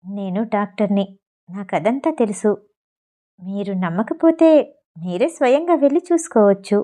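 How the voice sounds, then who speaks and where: A woman voicing a calm, cunning young woman doctor in an audio novel, speaking in a cool, composed way. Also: medium pitch, normal speed, lightly acted.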